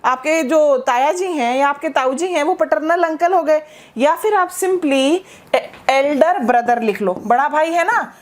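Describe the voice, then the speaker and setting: A woman teaching a spoken English lesson. She says her model phrases slowly and spells words out, then explains quickly, and she often checks that the class is following. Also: high-pitched.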